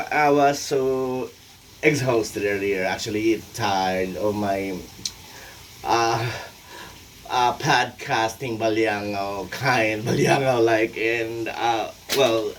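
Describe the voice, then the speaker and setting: A Filipino man in his forties, talking alone in a rambling vlog, halting and full of fillers, playful at times. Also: medium pitch, distant mic, a little hiss or hum. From Philippines. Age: 40s. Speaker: vlogger and tax consultant.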